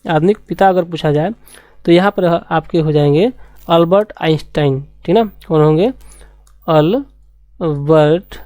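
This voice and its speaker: Woman teacher going over science basics, lowish mellow voice, dry close sound, keeps repeating words and asking questions. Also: no room sound. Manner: repeats key terms slowly, asks rhetorical questions. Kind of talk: classroom lecture.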